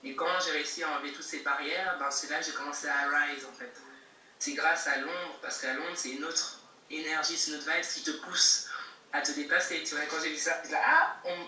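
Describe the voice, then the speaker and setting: Over a video call, a young adult woman from Geneva, Switzerland, who is a guest rapper, gives casual, emphatic interview answers, repeating herself and laughing between points. She talks a little fast in a low, sharp voice with fairly even intonation; the audio is echoey and distant with faint noise.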